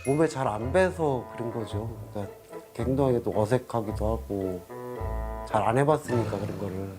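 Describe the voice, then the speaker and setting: A man's voice: on the low side, moderate pace. A man in his fifties giving short, hesitant, mumbled answers in a counseling session. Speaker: husband in counseling. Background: background music.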